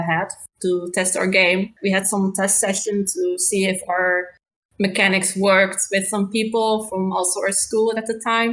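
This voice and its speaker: A young Dutch woman talks casually about her work at a mid pitch. Her speech runs loose and chatty, peppered with "like" and small hesitations. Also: a bit bright, low-quality recording. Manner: chatty, many "like" fillers. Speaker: game developer. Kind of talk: casual interview answers.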